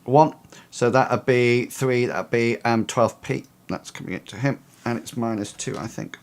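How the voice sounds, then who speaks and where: A man's voice: medium pitch, a little slow. A man narrating as game master, explaining rules and the action to his players.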